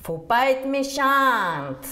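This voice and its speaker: A woman voicing a jolly, hard-of-hearing centenarian countrywoman who talks loudly and repeats herself. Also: medium pitch, very animated, moderate pace, close to an everyday voice. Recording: roomy echo.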